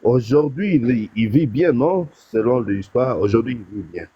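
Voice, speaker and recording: Halting man on a muffled call. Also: medium pitch, expressive, breathy edge. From DR Congo, North Kivu. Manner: halting, many restarts and fillers. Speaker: caller on a live stream. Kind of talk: casual call-in advice. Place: call from abroad.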